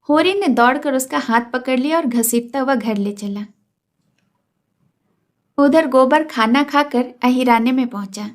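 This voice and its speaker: A woman teacher reading a novel aloud in a steady, clear narration for exam preparation. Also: high voice.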